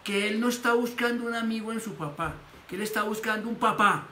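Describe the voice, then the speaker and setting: A man's voice: high-pitched, a little fast, sharp tone. A man preaching a sermon as pastor, animatedly acting out the voices he quotes. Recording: echoey room with faint noise.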